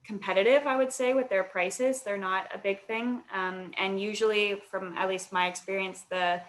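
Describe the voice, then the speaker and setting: A woman's voice: medium pitch, steady tone, normal speed. A woman answering questions as an alumna guest in a webinar, explaining at length with frequent fillers over a video call.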